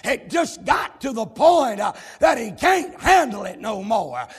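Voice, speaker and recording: A Southern US pastor preaching a sermon in a folksy, fiery way, from quiet storytelling to shouting. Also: male voice, extremely high pitch, very animated, a little slow, breathy edge. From South Carolina, US. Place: large church sanctuary. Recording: long church hall reverb.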